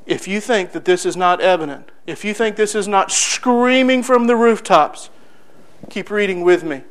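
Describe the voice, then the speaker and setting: A man preaching a sermon, reading scripture aloud and expounding it with rhetorical questions, moving between loud declaiming and hushed emphasis. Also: sits high, moderate pace, rough recording.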